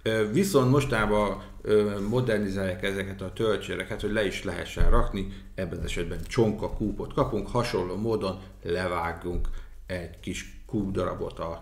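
A man explaining math terms to exam students with everyday examples, pausing often with fillers. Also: sits low, fairly even intonation, creaky, reverberant. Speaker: math tutor. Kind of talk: casual exam-prep explanation.

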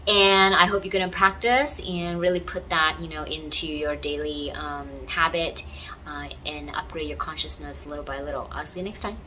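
A woman's voice: low-pitched, fairly even intonation, moderate pace, bright, forceful tone, slight background noise, low-quality recording. A woman channeling spiritual advice, talking in a coaxing way and often checking in with the listener. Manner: coaxing, checks in with "right?" and "okay?".

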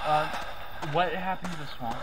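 A man's voice: a little high, normal speed, heavy background noise. A man hosting a gaming video, commentating nervously, pleading and yelping while breathing hard. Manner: jittery, yelps and pleads when scared. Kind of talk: frightened gameplay commentary.

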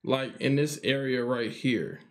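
A man's voice: medium pitch, measured pace. A man co-hosting an anime reaction, chatting casually and joking, often acting out bits in silly voices. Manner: animated, jokey, acts out lines in put-on voices.

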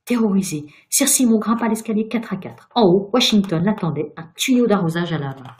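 A woman storyteller reading a tale aloud to children, expressive and speaking directly to her young listeners. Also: mid-range voice, a little fast.

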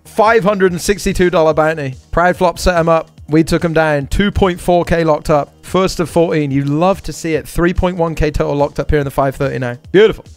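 A man whose voice sits fairly high runs a live poker stream, narrating every choice aloud as he makes it. Between explanations he keeps returning to short, repeated catchphrases, with faint music in the background.

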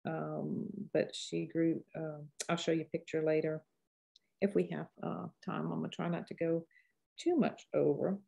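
A woman's voice: low-pitched, flat delivery, normal speed, vocal fry, mellow. A woman in her sixties with a Cajun accent, teaching painting casually and thinking aloud as she works in a folksy, rambling way. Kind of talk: casual live painting tutorial.

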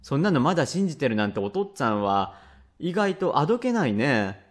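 Man putting on a cheeky little boy, higher voice, wheedling, whiny, rakugo storytelling. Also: sing-song, a little fast.

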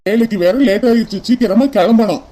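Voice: medium pitch, fast talker, mellow, natural voice. A voice actor playing a grumpy young husband in a cartoon, scolding his wife in Kanyakumari Tamil. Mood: grumbling. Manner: snappish, scolding. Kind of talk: cartoon voice acting.

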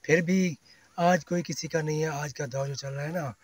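A man's voice: fairly high pitch, fairly even intonation, moderate pace. A man talking casually to his viewers in a vlog, earnest and devout, repeating his phrases. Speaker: family vlogger. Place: outdoors among fields, then walking.

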